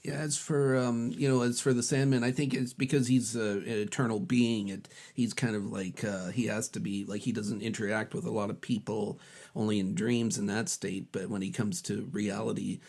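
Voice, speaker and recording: A man appearing as a podcast guest, speaking hesitantly with many fillers and pauses. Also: fairly low pitch, flat delivery, creaky, a little mellow. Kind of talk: casual chat.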